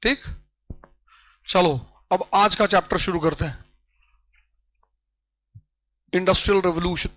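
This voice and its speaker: A man teaching a history class, animated and urging his students, dropping English phrases into his talk. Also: sits high, normal speed, rough recording.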